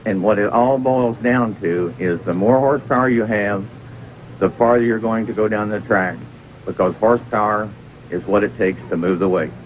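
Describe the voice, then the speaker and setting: Male veteran competitor, lowish register, plain methodical interview explanation, slight background noise. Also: normal speed, poor audio. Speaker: champion tractor puller, interview guest. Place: inside a fairground museum building.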